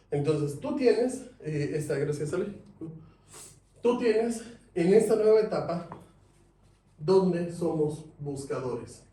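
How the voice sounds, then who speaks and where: A man teaching a sales class, lively, asking his students questions. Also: a little high. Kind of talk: classroom lecture. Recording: echoey room, mic at a distance.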